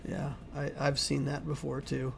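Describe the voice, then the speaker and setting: Gravelly-voiced man answering chat. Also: mid-range voice, monotone, moderate pace, a little hiss or hum. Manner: conversational, rambling with restarts, answering chat. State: losing his voice, clearing throat. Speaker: YouTube game channel host. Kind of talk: casual livestream commentary.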